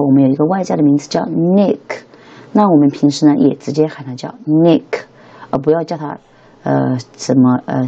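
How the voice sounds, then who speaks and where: A young woman gives a relaxed English lesson with a low, mellow voice. Her tone is a bit husky and the recording sounds dull and lo-fi. She keeps checking with her listeners as she talks. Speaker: English teacher. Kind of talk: casual spoken lesson.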